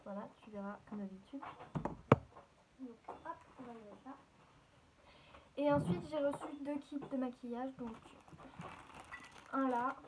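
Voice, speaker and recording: A woman's voice: on the high side, noisy background. A woman chatting casually to her viewers as she unboxes and shows off a beauty haul, with plenty of fillers. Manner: chatty, filler-heavy, addresses viewers directly.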